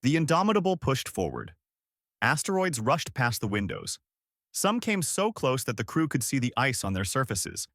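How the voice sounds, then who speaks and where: A male narrator reading a sci-fi adventure story aloud, his pitch moving in a lively way. The recording is dry and close, with no room sound. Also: moderate pace, no echo. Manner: steady, expressive storytelling.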